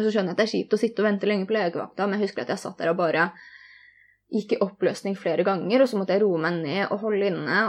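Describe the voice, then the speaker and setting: A young woman telling a personal story in conversation, earnest and candid, retelling each exchange in detail. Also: medium pitch.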